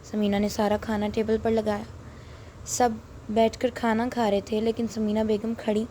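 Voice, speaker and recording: A woman narrating a short novel aloud in a steady, even storytelling manner. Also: medium pitch, slight background noise.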